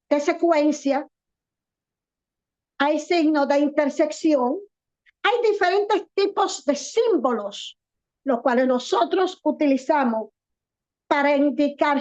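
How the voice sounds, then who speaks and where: A woman pastor preaching a sermon in an earnest way, with rhetorical questions and slow, stressed words for emphasis. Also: high voice, darkish tone. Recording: dull lo-fi recording.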